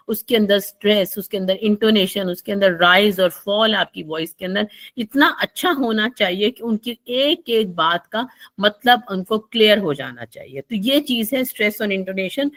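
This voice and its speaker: A woman teaches pronunciation in a recorded lecture for online tutors. She explains patiently at a medium pitch, circling back over her points and pausing on small fillers as she goes. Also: a bit bright.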